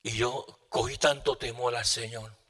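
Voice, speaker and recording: A man preaching a sermon, telling a testimony dramatically and moving between loud bursts and hushed asides. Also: mid-range voice, fairly even intonation, unhurried, husky.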